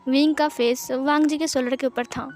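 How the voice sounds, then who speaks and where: A woman's voice: sits high, steady tone, normal speed, darkish tone, faint music behind. A woman narrating a fan-fiction story in a simple, chatty way, with asides to her listeners.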